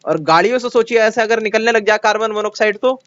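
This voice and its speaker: A young man with a fairly high voice teaches chemistry in a loose, conversational way. He leans on everyday examples and keeps quizzing his students. The recording is dry and slightly muffled, with almost no room sound. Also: fast talker, fairly bright tone, no room sound. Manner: chatty, explains with everyday examples and asks students questions. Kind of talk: conversational Hindi lesson.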